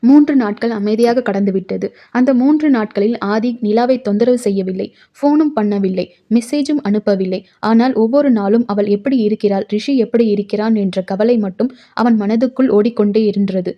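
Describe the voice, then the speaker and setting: A woman narrating an audio novel in an emotional, measured storytelling manner. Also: mid-range voice. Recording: dull lo-fi recording.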